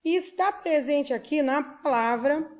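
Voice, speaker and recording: A woman's voice: high-pitched, lo-fi sound. A woman from Brazil teaching a recorded school lesson, spelling out words syllable by syllable and asking her pupils questions to check they follow. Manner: slow, spells out syllables one by one.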